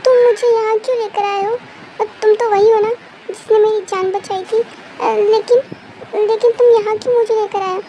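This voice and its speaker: A woman's voice: extremely high pitch, fairly even intonation, moderate pace, background noise. A woman voicing a heartbroken young woman who stammers and sobs through her words. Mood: tearful.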